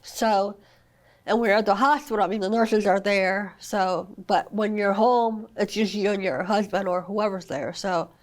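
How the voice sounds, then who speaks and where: A woman's voice: medium pitch, fairly even intonation, moderate pace. A young woman, a mother speaking earnestly in a podcast interview, full of "I mean" and "you know", recovering from an illness. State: recovering from illness, occasional cough. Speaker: guest, mother of a child with a rare condition.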